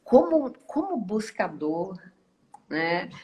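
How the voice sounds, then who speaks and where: A woman with a Brazilian Portuguese accent, a guest speaker giving a reflective live-stream talk with many pauses and tag questions. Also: medium pitch, big pitch swings, mellow. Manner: slow, thoughtful, with frequent pauses and tag questions. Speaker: guest speaker and course teacher.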